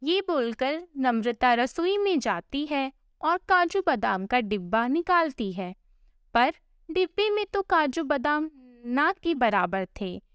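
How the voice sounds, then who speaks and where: A woman with a high, lively voice narrates a scripted family tale at an unhurried pace. The sound is close and dry, with no room around it. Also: dry recording. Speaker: storyteller.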